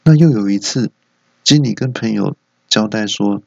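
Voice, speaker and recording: A man's voice: normal speed, vocal fry, a little mellow, husky, no room sound, dull audio. A man hosting a solo comedy podcast with a Taiwanese Mandarin accent, telling office jokes and acting out the people in them. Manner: storytelling, voices characters with high squeaky outbursts. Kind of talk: solo comedy monologue with acted quotes.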